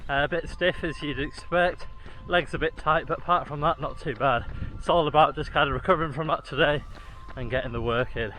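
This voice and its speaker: A man's voice: fairly high pitch, a little fast, few pauses, pushed and bright, low-quality recording. A man chatting casually to his viewers while he jogs outdoors. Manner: talking while jogging. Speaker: running vlogger. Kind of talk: casual vlog talk to viewers. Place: outdoors, on a run.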